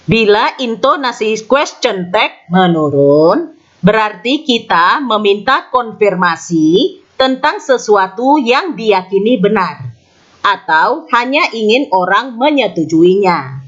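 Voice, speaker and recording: A woman narrates a scripted grammar lesson, taking her time and letting her pitch swing widely from line to line. She explains each point carefully and repeats her example sentences. The recording has a slightly muffled, lo-fi sound. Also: animated, slow. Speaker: English teacher.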